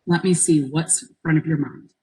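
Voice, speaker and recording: A woman with a low, husky voice leads an interactive webinar. She speaks in an encouraging, reflective way and often invites her listeners to join in. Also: fairly even intonation, normal speed, warm tone, rough recording. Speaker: workshop presenter. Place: online conference call.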